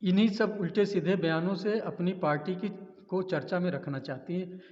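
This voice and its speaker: A political analyst from Uttar Pradesh, indignant and emphatic, answering questions in a news interview. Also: male voice, high voice, darkish tone. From Uttar Pradesh, India. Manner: indignant, emphatic, with hesitant restarts. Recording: echoey, roomy, dull lo-fi sound.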